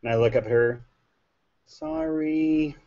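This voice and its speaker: A man playing in a tabletop game, speaking in a steady, matter-of-fact way. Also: on the low side, normal speed. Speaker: player. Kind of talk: tabletop role-play. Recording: dull lo-fi recording.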